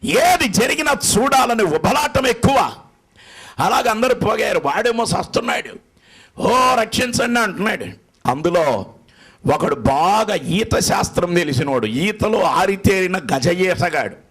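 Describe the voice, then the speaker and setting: A high-voiced man preaching with great fervor, his pitch leaping and falling across a wide span. He tells homely parables, softening to quiet asides before erupting into shouts. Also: lively intonation, a little slow, breathy edge. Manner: fervent preaching that swings between soft asides and sudden shouts; storytelling with folksy parables. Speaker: pastor. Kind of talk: sermon.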